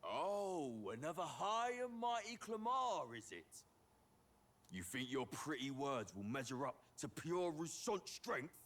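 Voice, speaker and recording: An actor playing an arrogant, aggressive soldier in a video game with a sneering, pushy manner. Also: male voice, on the high side, very animated, unhurried, fairly bright tone, exaggerated voice. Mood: sneering challenge.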